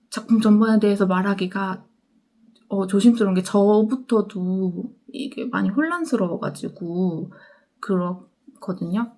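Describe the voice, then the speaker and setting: A young woman with a Gwangju accent talking about books in a reflective vlog. She speaks earnestly and haltingly, and her sentences often trail off into soft, whispered endings. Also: medium pitch. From Korea. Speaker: book vlogger. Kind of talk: personal reflective talk.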